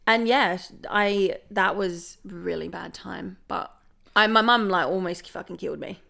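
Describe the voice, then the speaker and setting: A young adult woman, a podcast guest telling stories in casual chat, animated and swearing often. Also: on the low side, measured pace, creaky. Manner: animated storytelling, frequent swearing.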